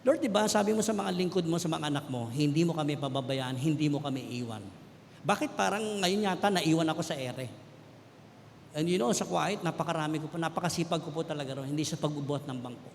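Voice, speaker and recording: High-voiced Filipino preacher in an echoey hall. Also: male voice, fast, gravelly. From Philippines. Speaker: preacher giving testimony. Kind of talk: sermon testimony. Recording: echoey hall with faint background noise.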